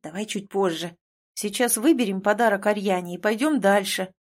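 A woman reading the part of a young male ghost prince who answers slowly and reluctantly. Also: mid-range voice, natural voice.

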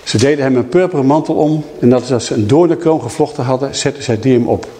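A man preaching a Bible teaching, telling the story in a lively way and voicing the people in it. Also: mid-range voice, quick pace, a little hiss or hum. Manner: lively storytelling, acting out quoted speakers. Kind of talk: sermon teaching.

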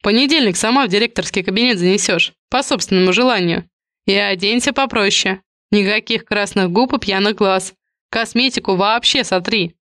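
A woman's voice: medium pitch, moderate pace, a bit bright, dry recording, natural voice. A teasing male coworker, read by a woman in an audiobook. His lines are blunt and curt, with a dry, close sound.

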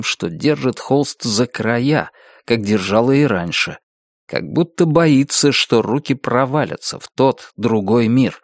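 A man reading a novel aloud as an audiobook narrator, measured and expressive, slowing down to stress key words. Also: fairly low pitch, no echo, studio quality.

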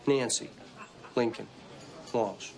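An actor playing a persistent man who fires quick, probing questions at a woman he once knew. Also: on the high side, sing-song, low-quality recording. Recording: film clip with crowd and music.

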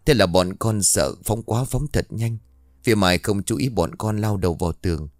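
A man's voice: on the low side, normal speed, a little mellow, no echo, clean studio sound, lightly acted. Man voicing a sorrowful young ghost girl. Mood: mournful.

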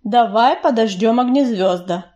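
A woman's voice: a little high, mellow, muffled recording, lightly acted. A woman doing a firm cautious tom-cat warrior. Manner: firm, measured, at times snapping.

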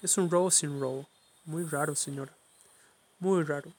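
A man's voice: on the high side, steady tone, normal speed, close to an everyday voice. A man reading a story, voicing a pushy, sly police officer who coaxes a child in a sugary tone. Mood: coaxing. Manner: sugary coaxing turning sharp.

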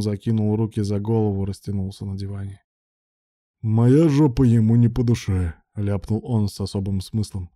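Guy reading an audiobook, steady, kinda low voice, dry sound. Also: dry recording. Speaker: audiobook narrator. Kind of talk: scripted narration.

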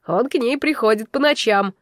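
A woman's voice: fairly high pitch, normal speed, dry recording, clean studio sound, natural voice. A woman doing a bellowing spiteful bull-man. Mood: angry. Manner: shouting, sneering. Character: spiteful loud young bull-man brawler.

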